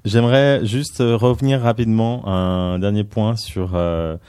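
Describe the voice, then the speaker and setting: Man, radio host, low voice, mellow, teasing, dry studio sound. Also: fairly even intonation, a little slow, smooth, no room sound. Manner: teasing, joking. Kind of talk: casual radio chat.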